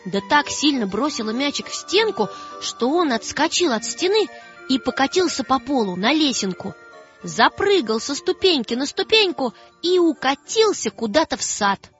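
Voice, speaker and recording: A woman narrating a children's story in a dramatic, expressive reading style. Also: sits high, moderate pace. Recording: dull lo-fi sound with faint music.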